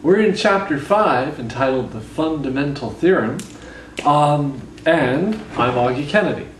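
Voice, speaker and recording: A hungover young man teaches casually in a deadpan, slightly awkward way. His voice sits a little high. He is recorded in a roomy space at some distance from the mic. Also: unhurried, a little hiss or hum. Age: young adult. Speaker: calculus lecturer. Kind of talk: casual whiteboard lecture with joking asides. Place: living room at home, indoors. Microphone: camera mic from a few feet away.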